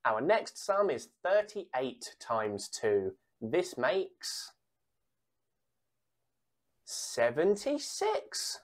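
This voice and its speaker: Female bingo caller for a kids' numbers game: very slow, measured delivery with lively swings in pitch. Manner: measured calling with pauses before each answer and repeated digits. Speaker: bingo caller for a children's times tables game. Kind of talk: bingo caller reading out sums and answers.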